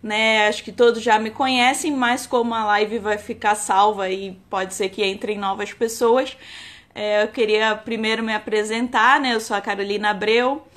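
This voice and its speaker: Her voice is medium in pitch, steady, fairly bright, and moderately paced: a Carioca enologist in her thirties from Rio de Janeiro, Brazil, chatting on a live stream. She fills her casual talk with plenty of "né" and "tá" and restarts her phrases.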